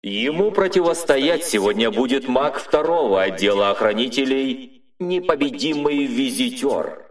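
A man's voice: mid-range voice, expressive, unhurried, pitched above the performer's own voice. A man reading an audiobook voices a male tournament announcer whose voice is magically amplified, declaiming formal announcements to the crowd. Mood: announcing. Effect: magically amplified voice, roomy and distant. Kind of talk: audiobook narration with voiced characters.

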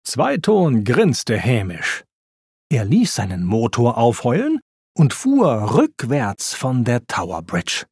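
A man narrating a children's storybook with expressive, slow reading. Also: mid-range voice, breathy edge, no echo, studio quality.

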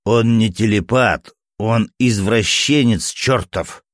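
A gruff, irritable doctor who snaps and turns sardonic, with a deep, low voice, read by a man. The sound is dry and close-miked, a storybook reading. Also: measured pace, no room sound, lightly acted.

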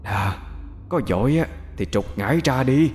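A man voicing an evil spirit of a love charm that speaks in a soft, mocking, defiant hiss. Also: medium pitch, animated, moderate pace, in a large hall, voice pushed up, close to an everyday voice. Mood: taunting.

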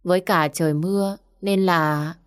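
A woman's voice: on the low side, steady tone, measured pace, dry recording, clean studio sound, natural voice. A woman voicing a poor young village girl who speaks politely and pleads. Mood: pleading.

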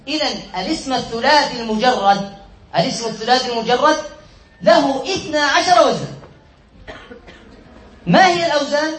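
A man's voice: extremely high pitch, a bit bright, echoey room, poor audio. A man teaching a classroom lesson, quizzing his students, repeating points and correcting himself with a chuckle. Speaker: sheikh teaching Arabic morphology.

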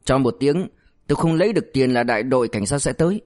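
A man's voice: medium pitch, lively intonation, fast, darkish tone, lightly acted. A man doing a sly, bullying cop. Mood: scheming. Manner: mocking, threatening, crude. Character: cynical, bullying male cop, sly and menacing.

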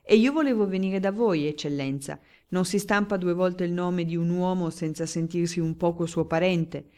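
A woman voicing a talkative, flattering male newspaper journalist in an audiobook, speaking in a glib, declamatory way. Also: fairly low pitch, normal speed, lightly acted. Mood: eager. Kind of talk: audiobook character reading.

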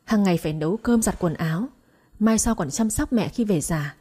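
A young husband, read by a woman narrator argues firmly and with rising exasperation. The tone stays mellow and a little husky, in an audio storybook. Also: mid-range voice, expressive, normal speed. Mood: exasperated. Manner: firm, exasperated pleading. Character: firm young husband defending his wife.

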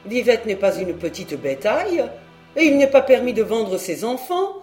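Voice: medium pitch, big pitch swings, normal speed, a little mellow, faint music behind, close to an everyday voice. A reader voicing an earnest young nobleman pleading with his guardian in an audiobook.

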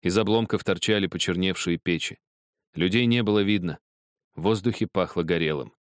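A man reading a novel aloud as narrator, measured and expressive. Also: low voice, dry recording, clean studio sound. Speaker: audiobook narrator. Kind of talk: scripted narration.

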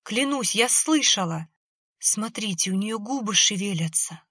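A woman's voice: mid-range voice, animated, unhurried, pushed and bright, breathy edge, no echo, clean studio sound, exaggerated voice. A woman voicing an anxious mother whose voice trembles as she pleads over her daughter. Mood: trembling, excited.

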